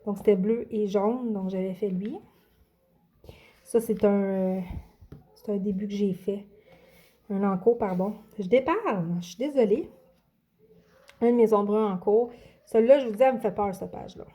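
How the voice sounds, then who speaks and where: A woman's voice: mid-range voice, moderate pace, long pauses, muffled recording. A woman, casually presenting her coloring books in a vlog, hesitant with many fillers and restarts. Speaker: adult coloring vlogger. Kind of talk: casual show-and-tell vlog.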